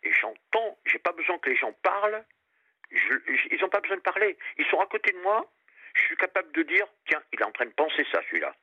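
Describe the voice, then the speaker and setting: The radio phone-in caller is an older man from La Réunion, France, talking candidly and outspokenly in an earnest way through a muffled line. His voice sits high and is sing-song, brisk and husky, with a dry recording.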